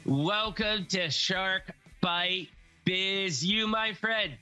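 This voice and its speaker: This middle-aged man hosts a podcast, chatting casually with a guest in an upbeat, jokey way and repeating himself. His voice sits high and is bright and forceful, with a clean tone, and he speaks very slowly over soft background music.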